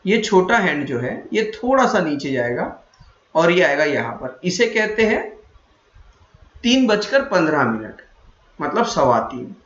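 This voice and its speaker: A man with a high voice teaches a math lesson, patiently going over each point again and stopping to quiz his students. The sound is roomy and echoey, and the recording is dull and lo-fi. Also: big pitch swings, a little slow, fairly bright tone. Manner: patient, repeats points and quizzes the listener. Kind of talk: explaining a classroom lesson.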